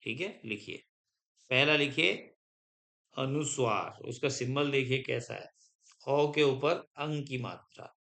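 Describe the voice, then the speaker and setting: Male classroom teacher, slow deliberate dictation, bright tone, checks in with students constantly. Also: medium pitch, vocal fry. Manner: slow, repetitive, keeps checking understanding. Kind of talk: classroom grammar lesson with dictation.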